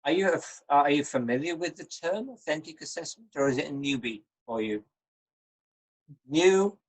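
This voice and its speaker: An older man, giving an online lecture in a measured, encouraging, teacherly way. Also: on the high side, expressive, low-quality recording. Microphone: video call.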